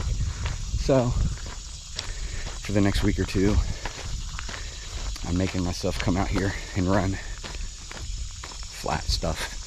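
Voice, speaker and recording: A man talking casually and out of breath while running outdoors in a park, recorded on an action camera. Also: low-pitched. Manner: chatty, casual, with fillers. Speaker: vlogger. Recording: outdoor camera audio with insect noise.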